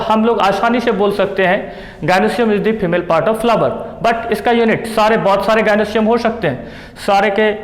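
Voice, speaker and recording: A man teaching a biology lesson, explaining a diagram step by step and repeating each term. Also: high-pitched. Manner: explains slowly, repeats terms, mixes English terms into Hindi. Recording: long hall reverb.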